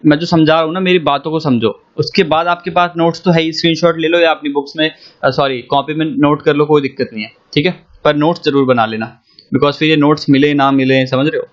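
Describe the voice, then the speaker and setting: A young male teacher with a slightly high voice gives a casual economics lesson. He mixes with phrases and keeps asking whether his students follow. The sound is dull and lo-fi. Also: steady tone, fairly quick. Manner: chatty, asks students if they follow. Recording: dull lo-fi audio.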